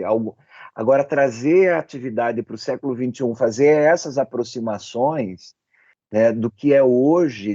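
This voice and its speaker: A man giving a spontaneous answer in a panel discussion, haltingly searching for words. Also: mid-range voice, warm tone. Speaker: panel guest working in cultural production. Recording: echoey, dull, muffled sound.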